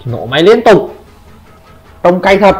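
A Vietnamese-accented man commenting on his own gameplay, taunting opponents and breaking into excited shouts. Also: sits high, takes it slowly, dull audio, soft background music. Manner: trash-talking, taunting, sudden excited shouts. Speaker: gameplay streamer.

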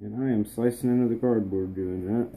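A teenage man chatting casually through an unboxing vlog in his bedroom, relaxed and rambling with plenty of ums. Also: on the low side, brisk, slight background noise. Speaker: vlogger. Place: small bedroom, indoors.

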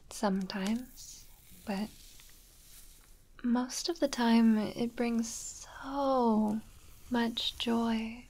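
A woman voicing a gentle witch matchmaker in an ASMR roleplay, speaking in a calm, soothing whisper. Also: on the high side, slight background noise.

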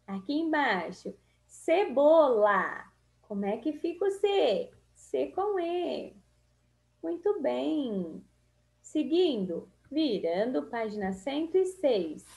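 A Brazilian primary school teacher with a Brazilian Portuguese accent slowly reads a children's spelling lesson syllable by syllable, drawing out each word in a sing-song way for small children. Her voice is high-pitched with a darkish tone.

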